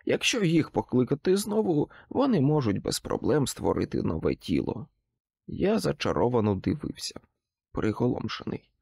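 A male narrator reads a first-person audiobook in a gravelly voice. His pitch moves a lot as he dramatizes the story. The recording is dry and close, with no room sound. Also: moderate pace, no room sound. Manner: expressive, dramatic reading.

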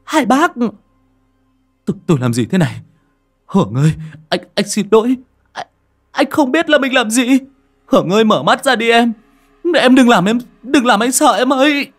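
A man voicing a distraught young man who shouts desperately. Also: fairly low pitch, expressive, racing, hardly any pauses, husky, soft background music.

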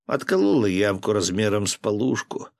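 A man narrating a historical story as an audiobook, measured and even. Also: on the low side, gravelly, dry recording.

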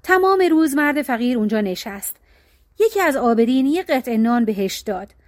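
A woman narrating a folk tale with an expressive storybook cadence. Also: a little high, no room sound, studio quality.

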